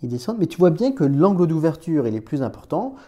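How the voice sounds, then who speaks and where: A man's voice: on the high side, very animated, fast talker, dark tone. A man teaching Arabic letters in a chatty, informal way, talking straight to the learner with many restarts. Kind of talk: informal screen-recorded lesson.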